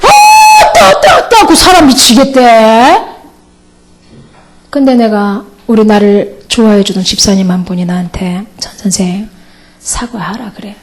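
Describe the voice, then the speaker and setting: Middle-aged woman, pastor's wife, animated testimony sermon; high and expressive. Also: unhurried. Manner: animated, laughing, mimics others' voices. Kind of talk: lively testimony sermon to a camp.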